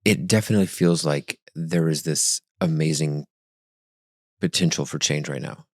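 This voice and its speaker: A man co-hosting a casual spiritual podcast, talking reflectively with halting restarts and self-deprecating asides. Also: rumbling low, no room sound, clean studio sound. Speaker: podcast co-host.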